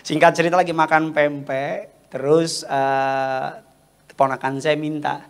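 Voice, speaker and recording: A male pastor preaching a sermon at a church service, animated and joking, calling on the congregation to respond. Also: on the high side, unhurried, vocal fry, smooth.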